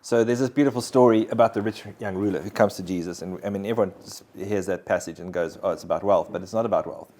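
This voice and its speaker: A man's voice: deep voice, fast talker, hardly any pauses, a little mellow, a little hiss or hum. A man, sharing his personal faith story in an interview in an earnest, reflective way. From South Africa. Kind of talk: conversational personal testimony.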